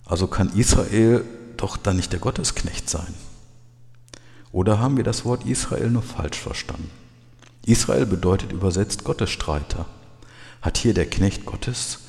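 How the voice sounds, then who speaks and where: A man's voice: low-pitched, darkish tone. A man preaching a sermon as a church leader, earnest and building to emphatic peaks. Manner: earnest, rising to emphatic outbursts. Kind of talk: sermon with Bible readings. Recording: long hall reverb, faint background music.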